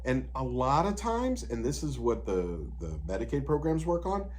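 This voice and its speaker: A middle-pitched man in his fifties talks through practical advice as an advocate. His explanations are steady and conversational, dotted with "you know" and "right?". He sounds like a guest patiently walking someone through the options. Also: moderate pace, a little hiss or hum. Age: 50s.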